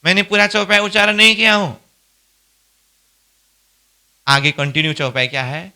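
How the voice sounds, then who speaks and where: A man's voice: high-pitched, expressive, moderate pace, pushed and bright. A man teaching a devotional scripture class, explaining verses by posing questions and answering them himself. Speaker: spiritual instructor.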